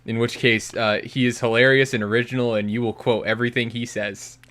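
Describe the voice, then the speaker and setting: A young man co-hosts a podcast in a casual chat, rambling and joking with a constant stream of "like" fillers. His mid-range voice is brisk and fairly bright, though his delivery stays flat.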